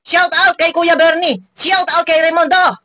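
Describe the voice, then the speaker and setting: Woman reaction vlogger, high and bright, teasing and scolding with frequent laughs, faint music underneath. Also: flat delivery, moderate pace, dry recording. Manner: mocking, scolding, laughs often.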